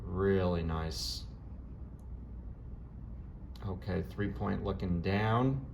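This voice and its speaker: Filming on a handheld camera with no tripod, a man who teaches art hosts a relaxed interview in his classroom and heaps effusive praise on his guest. He speaks low, drawing out his words in a creaky, slightly mellow voice. A faint hiss or hum runs underneath.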